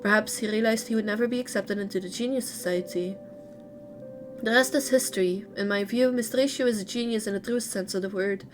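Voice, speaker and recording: An earnest, devoted young female assistant, read aloud by a woman. She recounts things eagerly and sincerely at a middle pitch. Faint music plays under her. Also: a little fast, natural voice.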